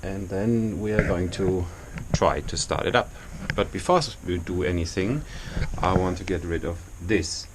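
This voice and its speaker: A man who is a non-native English speaker gives an informal, halting walkthrough tour as a boat owner, explaining things as he goes. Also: low voice. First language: not English. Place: small engine compartment inside a boat. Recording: clear background noise in engine room.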